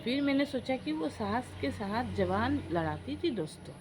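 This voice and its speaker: Speaking directly to her viewers, a woman in her forties tells a long family story at a normal pace, her voice on the high side. She's animated and imitates her relatives when quoting them, with a faint hiss in the background.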